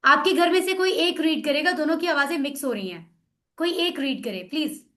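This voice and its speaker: A woman's voice: high-pitched, expressive, brisk, sharp tone. A woman teaching an online class, drilling words aloud and explaining patiently over a video call.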